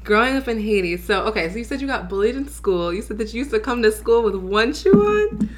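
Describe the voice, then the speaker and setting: A woman hosting a casual interview and asking questions, friendly and quick to react. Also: fairly high pitch, very animated, heavy background noise.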